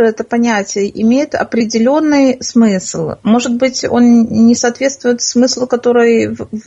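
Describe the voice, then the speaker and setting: A woman with a fairly high voice talks informally in a group discussion. She hesitates and doubles back on words, and the recording sounds dull and lo-fi. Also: darkish tone. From Belarus. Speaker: podcast panelist.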